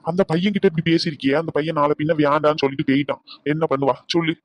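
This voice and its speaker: A man's voice: on the high side, steady tone, very fast, no echo, lightly acted. A man voicing an outspoken young nephew who scolds his aunt in a cartoon family drama. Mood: scolding. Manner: scolding, insistent.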